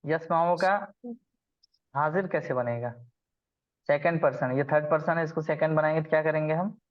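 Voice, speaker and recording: A man's voice: fairly high pitch, fairly even intonation, moderate pace, muffled recording. A man teaching an Arabic grammar class online, patiently explaining step by step and quizzing his students.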